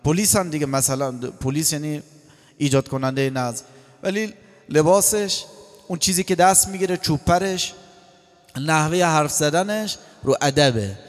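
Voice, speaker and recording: A man giving a lively religious lecture, quoting scripture and acting out short dialogues. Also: on the high side. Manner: animated, acts out voices and quotes scripture. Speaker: cleric. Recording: long hall reverb.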